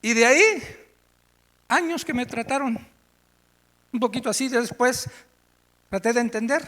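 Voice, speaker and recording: High, bright-voiced Mexican preacher. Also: male voice, measured pace. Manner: animated storytelling, asks the congregation. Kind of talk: sermon. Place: church meeting room. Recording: echoey church hall.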